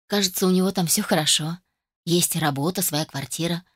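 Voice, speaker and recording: Female audiobook narrator: even storytelling read, low-set voice, dry close sound. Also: fairly quick, no room sound. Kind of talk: scripted first-person narration.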